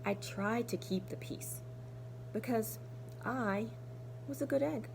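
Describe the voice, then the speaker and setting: With a voice on the high side, a woman who teaches kindergarten gives an expressive read-aloud of a children's story, deliberate and lively, with breathy, hushed asides. The clip has background noise.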